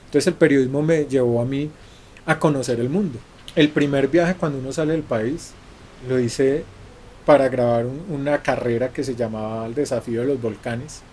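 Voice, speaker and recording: A middle-aged man with a Colombian Spanish accent, speaking as an interview guest about his work on the road. His voice is mellow and relaxed, and he repeats and restarts words as he talks. Faint background noise sits under the recording. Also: mid-range voice, normal speed. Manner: restarts and repeats words while telling travel stories. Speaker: journalist guest. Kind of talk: conversational storytelling interview.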